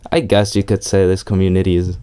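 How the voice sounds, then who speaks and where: This low-pitched, dark, clean male voice talks fast in a level tone. He's a young amateur BMX rider from El Salvador who has lived in New York for a long time, being interviewed in a relaxed chat full of slang and hedges.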